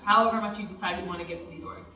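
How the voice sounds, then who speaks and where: A woman's voice: on the low side, fairly even intonation, rapid-fire, sharp tone. A woman student government officer talking persuasively in a meeting discussion. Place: meeting room. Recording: echoey room from far off.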